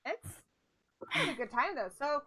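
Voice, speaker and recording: A woman's voice: sits high, sing-song, normal speed, crowd noise. A woman hosting a casual chat in an eager, gushing, playful manner. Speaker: host.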